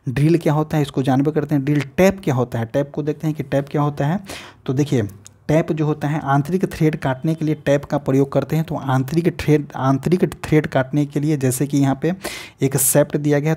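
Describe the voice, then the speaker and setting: A man's voice: fairly high pitch, dark tone, husky. A man teaching an exam-prep lesson, walking through practice questions one by one and repeating phrases as he explains, with English terms mixed into his talk. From India. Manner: repetitive, restarts phrases, mixes English terms into Hindi.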